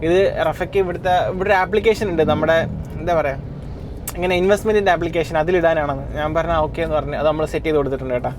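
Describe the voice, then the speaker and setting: A Malayali man from Kerala telling a family story, casual, laughing, talking loud from a car. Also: a little high, fairly even intonation, racing, noisy background. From Kerala, India. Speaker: family vlogger. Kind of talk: casual vlog chat. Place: in a car on city roads.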